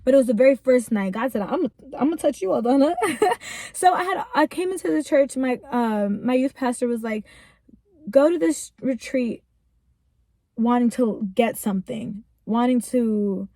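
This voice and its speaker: Young woman vlogger in a car, earnest and chatty, slightly high voice, emotional and near tears, dry close sound. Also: darkish tone, no room sound. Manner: earnest, chatty, slips into tearful pauses. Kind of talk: emotional personal car vlog. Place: inside a car.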